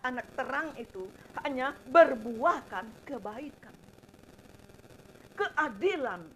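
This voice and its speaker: A middle-aged woman preaching an impassioned sermon, swinging between loud emphasis and quiet asides, addressing her congregation directly. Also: on the high side, slight background noise, low-quality recording. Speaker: evangelist preacher.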